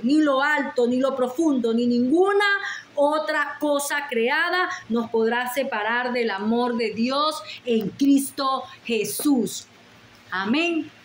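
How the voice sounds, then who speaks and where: A woman's voice: sits high, roomy sound, a little hiss or hum. A woman preaching a sermon with fervent, repeated declarations and prayerful pleas.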